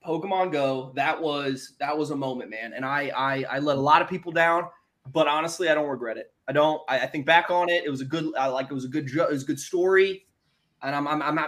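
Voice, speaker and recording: Brief: male podcast guest, comic storyteller, self-mocking, slightly high-pitched. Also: brisk. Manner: animated, self-mocking, jumps between hushed and loud.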